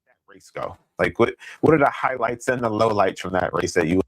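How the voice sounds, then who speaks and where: Co-host, male, lowish voice, dry sound, crackling mic that drops out; keeps asking "right?". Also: lively intonation, a little fast, no echo. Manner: asks "right?" often. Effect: crackling mic that cuts out. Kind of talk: casual video-call chat.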